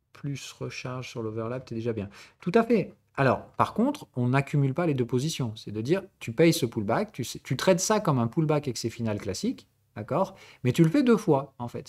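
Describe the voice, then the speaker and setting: A trading instructor from southern France hosts a live-streamed lesson, answering chat and explaining things casually. He mixes formal and familiar address and keeps checking in with "okay?" and "right?". His voice is mid-range with a darkish tone.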